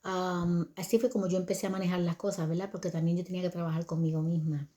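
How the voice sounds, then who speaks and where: A woman's voice: lowish voice, little pitch movement, fast, dark tone. An older woman telling viewers a family story about raising her son, in a conversational manner that often checks in with listeners.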